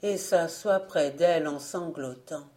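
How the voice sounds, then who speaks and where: A woman reading a folk tale aloud as an audiobook narrator, gentle and even. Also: sits low, measured pace. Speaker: audiobook reader.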